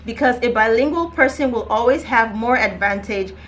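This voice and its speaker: A woman's voice: a little high, normal speed, fairly bright tone, highs cut off. A young woman coaching viewers on careers, talking to camera in a direct, emphatic, conversational way. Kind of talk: casual advice vlog.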